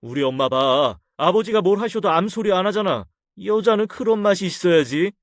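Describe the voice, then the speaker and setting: A man's voice: high voice, expressive, normal speed, no room sound, clean studio sound. A man playing a scornful, hot-tempered husband. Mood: angry. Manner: curt, scornful, raising his voice.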